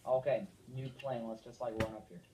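A man's voice: mid-range voice, fairly even intonation, moderate pace, dark tone, a little hiss or hum, low-quality recording. A man casually narrating his own gameplay in an old video, chatty and distracted. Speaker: gamer in an old video being replayed. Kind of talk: live gameplay commentary.

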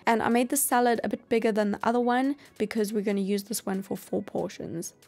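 A woman hosting a cooking channel, explaining each step of a meal prep in a calm voice-over. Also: mid-range voice, fairly quick. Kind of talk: instructional voice-over.

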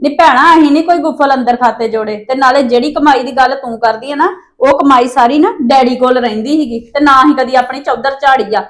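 A woman's voice: high-pitched, brisk, few pauses. A woman with a Punjabi accent acting a sister-in-law who argues defensively in a family drama. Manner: defensive, arguing.

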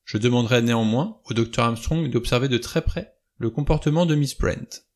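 A man reading a novel aloud, voicing an elderly judge who speaks in a calm, formal, deliberate way. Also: mid-range voice, close to an everyday voice. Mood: measured.

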